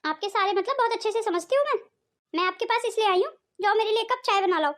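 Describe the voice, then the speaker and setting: A woman voicing a shrill, bossy, quarrelsome daughter. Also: quick pace. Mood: accusing. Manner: accusing, sharp-tongued, bossy. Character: quarrelsome hot-tempered married daughter visiting home. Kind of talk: cartoon family drama voice acting.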